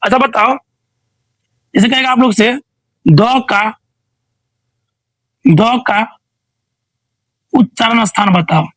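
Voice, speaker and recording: High-voiced man quizzing an online class. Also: slow pace, pauses often, fairly bright tone, no echo, rough recording. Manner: asks questions repeatedly, prompts students to answer. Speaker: teacher. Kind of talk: online class quiz revision.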